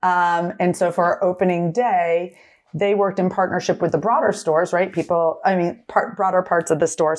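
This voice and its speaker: A middle-aged woman speaks as an interview guest in a slightly low voice. Her talk runs fast and loose, stitched together with "like" and tag questions such as "right?". She sounds like someone explaining her own work in conversation. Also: darkish tone. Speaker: retail executive guest.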